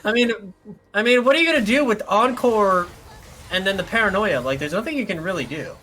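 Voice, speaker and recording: A man casting a live esports match as play-by-play commentator, excitable and jokey with rambling asides. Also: sits high, fairly quick, a little hiss or hum. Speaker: esports caster.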